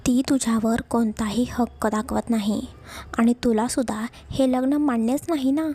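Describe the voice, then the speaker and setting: Storybook: woman as an anxious middle-aged mother, pleading, gravelly. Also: on the high side, steady tone, normal speed, dark tone. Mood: scolding. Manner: pleading, scolding.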